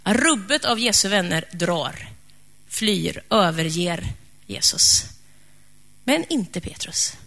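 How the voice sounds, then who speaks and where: A woman preacher retelling a story in a lively, conversational sermon. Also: medium pitch, creaky, long pauses.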